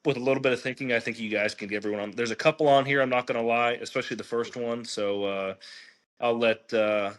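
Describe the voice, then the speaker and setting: A man's voice: medium pitch, fairly even intonation, fast, a bit bright. A man hosting a casual podcast, running a sports trivia game with lots of fillers and restarts. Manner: chatty, lots of fillers and restarts while reading quiz.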